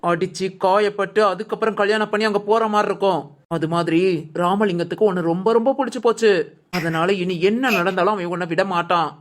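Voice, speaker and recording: A woman's voice: medium pitch, steady tone, fairly quick, close to an everyday voice. A woman playing a cruel, greedy middle-aged stepmother in a village drama, harsh and bossy. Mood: scolding.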